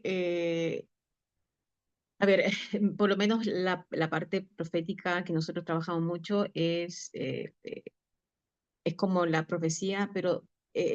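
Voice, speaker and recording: A woman pastor telling a personal testimony in a Bible study, chatty and full of fillers and restarts. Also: medium pitch. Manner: conversational storytelling with many fillers and restarts.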